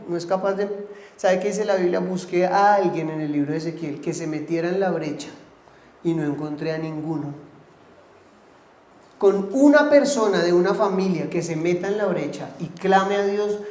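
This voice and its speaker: A man's voice: high-pitched, moderate pace, a little mellow, reverberant. Impassioned man preaching. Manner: impassioned preaching, rising to emphatic pleas. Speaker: pastor. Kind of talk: sermon. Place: church.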